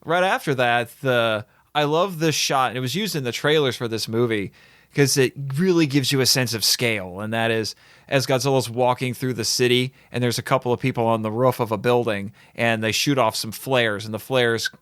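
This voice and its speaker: A man hosts a casual podcast chat, talking eagerly in quick bursts with the odd small laugh. His voice sits at an ordinary middle pitch. The recording is dry and close to the mic. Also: fairly bright tone, clear, resonant tone, dry recording. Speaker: podcast host. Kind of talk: casual chat about films.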